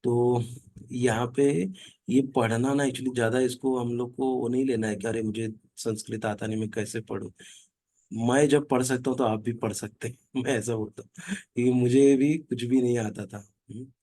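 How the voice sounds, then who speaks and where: A man leading an online reading group who chants verses slowly and then explains them in casual, conversational talk. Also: mid-range voice, steady tone, mellow. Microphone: online video call.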